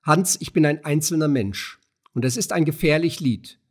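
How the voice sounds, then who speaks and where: A nervous, self-pitying gatekeeper, put on by a male audiobook reader speaks in rushed, sighing phrases. The voice is husky and sits rather high. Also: animated. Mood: pleading. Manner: fearful, hasty, sighing.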